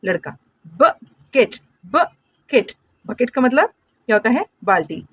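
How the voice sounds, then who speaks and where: Higher-voiced woman teaching phonics. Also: very animated, breathy edge, no room sound. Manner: asks questions and answers them herself, repeats words slowly; patient, calls viewers "my dear friends" and "beta". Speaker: English teacher. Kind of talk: classroom phonics lesson.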